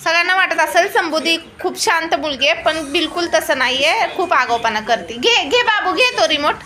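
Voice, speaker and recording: A woman's voice: extremely high pitch, expressive, moderate pace, sharp tone. A woman filming a casual family vlog at home on a phone, coaxing and scolding her small children.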